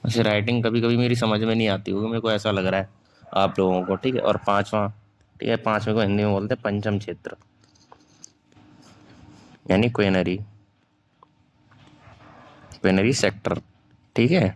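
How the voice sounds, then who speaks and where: A young man with a somewhat low voice giving a classroom-style lecture and dictating notes. His talk is informal and self-deprecating. He blends Hindi with English and keeps asking whether the class is following. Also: fairly even intonation, moderate pace, long pauses. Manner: mixes Hindi and English, checks in with "theek hai" after nearly every phrase; informal and self-deprecating, corrects his own slips aloud. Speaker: online teacher.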